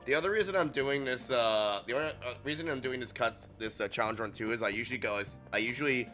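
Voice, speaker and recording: A man's voice: medium pitch, quick pace, bright, forceful tone, faint music behind. A man chatting loosely while playing a game, joking and swearing often. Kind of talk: casual gaming chat.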